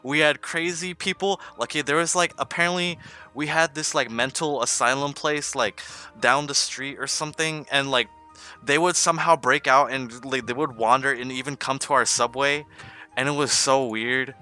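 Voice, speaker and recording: A young man telling a casual, animated rant, swearing freely and peppering his sentences with "like". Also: mid-range voice, normal speed, faint music behind. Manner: animated, sweary, heavy use of "like". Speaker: storyteller, former fast-food worker.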